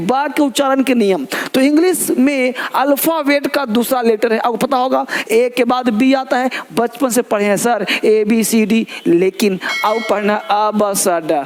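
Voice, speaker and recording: A man giving a video lesson on English letter sounds, emphatic and drilling each sound aloud to his viewers. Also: very high-pitched. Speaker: English teacher.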